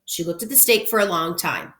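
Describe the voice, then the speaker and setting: A woman reading a children's story aloud like a teacher, animated and clearly phrased for young listeners. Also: on the low side, a little fast. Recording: roomy indoor echo.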